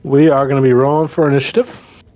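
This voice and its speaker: A man's voice: medium pitch, flat delivery, fast, darkish tone. A man narrating a tabletop role-playing game as game master, mixing story narration with casual rules talk.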